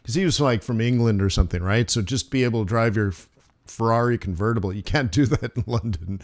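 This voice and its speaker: A man's voice: medium pitch, quick pace. A man hosting a live trading stream, chatting casually with viewers in a rambling, loose and friendly way. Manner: rambling, loose and chummy, many restarts. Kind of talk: casual livestream chat answering viewers.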